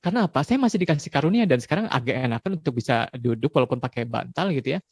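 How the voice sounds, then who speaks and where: A man in his forties giving a parenting talk in a relaxed, conversational way, dropping frequent tag questions. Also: medium pitch, very fast, slightly rough, no room sound. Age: 40s. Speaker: parenting speaker.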